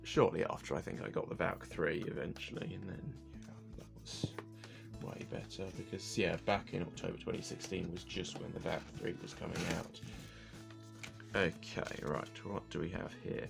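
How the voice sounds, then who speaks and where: A man's voice: low-pitched, steady tone, moderate pace, vocal fry. A man casually reviewing puzzle cubes, rambling and correcting himself as he thinks aloud over background music. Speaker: cube reviewer.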